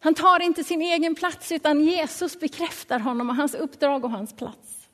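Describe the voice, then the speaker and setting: A woman preaching a sermon in a lively, colloquial way, dropping now and then to a soft hush. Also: high-pitched. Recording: long reverb of a large hall.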